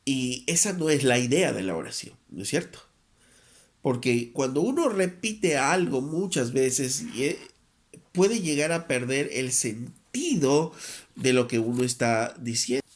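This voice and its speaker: In an animated Sunday sermon, a pastor with a mid-range voice reads scripture aloud and mimics rushed, repetitive prayers to drive his point home.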